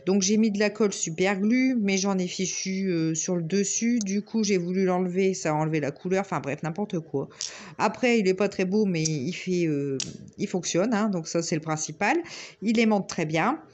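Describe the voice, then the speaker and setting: A woman's voice: medium pitch, normal speed, darkish tone, lo-fi sound. A woman from northern France with a Ch'ti accent, chatting casually to her viewers in a hesitant, rambling way full of fillers. She has a head cold and a sore throat, so her voice sounds stuffy, nasal and slightly hollow. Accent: northern French (Ch'ti). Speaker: crafting vlogger.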